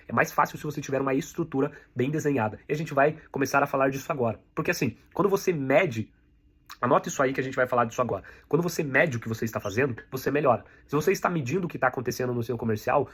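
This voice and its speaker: Racing along in a husky, medium-pitched voice, a Brazilian Portuguese-accented man teaches sales online. He speaks directly to "you," the viewer, hammering key points through repetition so they can be jotted down.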